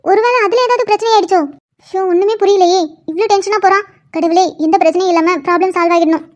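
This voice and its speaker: An anxious middle-aged aunt in a cartoon worries aloud and gently scolds. A woman acts her out. Her voice is high and the sound dull and lo-fi. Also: steady tone, fast.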